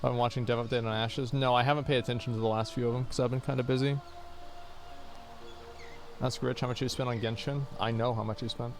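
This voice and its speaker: Talking into a desk mic while he plays on stream, a young man reads out viewers' chat questions and answers them bluntly, rambling off mid-thought and circling back. His mid-range voice is level and quick, over a faint background hum.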